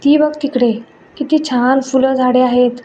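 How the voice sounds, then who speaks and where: A woman's voice: high voice, fairly even intonation, moderate pace, dark tone, natural voice. A woman voicing a cheerful, chatty young woman friend who talks eagerly. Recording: dull lo-fi with faint noise.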